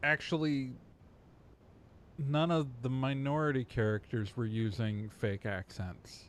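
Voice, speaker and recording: A man in a relaxed panel podcast, talking things through in a rambling, halting way. His voice sits at an ordinary middle pitch, and he keeps restarting and circling back mid-thought. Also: slight background noise. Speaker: podcast co-host. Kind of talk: casual panel chat.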